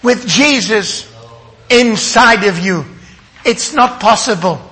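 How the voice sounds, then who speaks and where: An older man preaching a sermon, dramatic, dropping to a hush and then rising to emphatic appeals. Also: high-pitched, expressive, slow. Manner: dramatic, swinging from hushed to emphatic.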